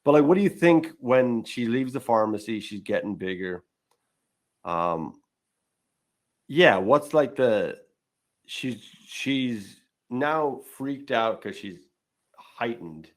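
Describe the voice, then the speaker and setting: A man's voice: medium pitch, expressive, slow. A man hosting a casual chat, brainstorming a film story in a rambling way and acting out quoted lines. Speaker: podcast host.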